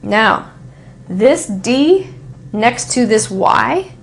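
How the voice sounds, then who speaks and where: This is a woman with a Texan American accent giving an English pronunciation lesson. She speaks slowly and deliberately, repeating example sentences and stressing the important words. Her voice sits a little higher than most women's. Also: sing-song, creaky. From Texas.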